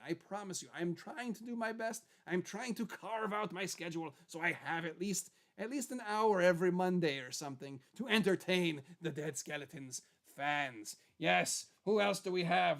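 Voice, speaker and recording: Man doing a high-pitched, chatty skeleton character. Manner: rambling, repeats phrases for emphasis. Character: animated skeleton character, chatty male puppet show host. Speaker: livestream host. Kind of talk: casual in-character livestream chat.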